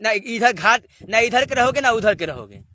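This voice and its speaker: A man's voice: extremely high pitch, lively intonation, normal speed, bright, forceful tone, no room sound. A man giving a devotional sermon, exhorting listeners and firing off rhetorical questions. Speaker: spiritual preacher.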